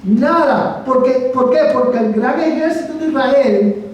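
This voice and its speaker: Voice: high-pitched, measured pace. A preacher delivering a Spanish sermon, emphatic, asking the congregation rhetorical questions and calling them brother. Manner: addresses listeners as brother. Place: church sanctuary. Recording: echoey sanctuary, mic from far off.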